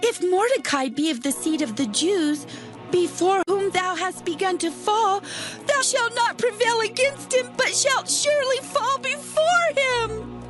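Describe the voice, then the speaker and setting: A plotting minister's wife, high bright voice, little bit of music underneath. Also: female voice, measured pace. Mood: foreboding. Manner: urgent, counseling, declamatory. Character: scheming wife of a royal minister, adult. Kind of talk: dramatized scripture reading. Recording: studio voice with faint music.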